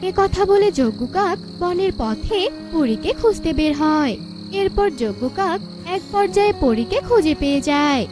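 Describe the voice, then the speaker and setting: A woman's voice: very high-pitched, very animated, normal speed. A woman narrating a children's folk-tale cartoon in a scripted storytelling way. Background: background music.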